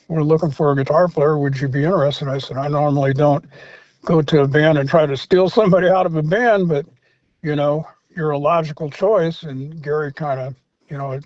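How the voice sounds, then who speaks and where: A man's voice: fairly high pitch, a little mellow, no echo, lo-fi sound. An older man, a former rock singer, telling rambling stories in an interview, full of fillers and restarts. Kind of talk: storytelling in a casual interview.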